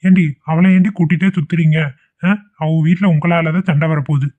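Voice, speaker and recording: Male actor for a gossiping older village husband with a Kongu Tamil accent, slightly high voice, lo-fi phone sound. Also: steady tone, brisk, natural voice. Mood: grumbling. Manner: grumbling, gossiping. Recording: tinny lo-fi phone-like audio.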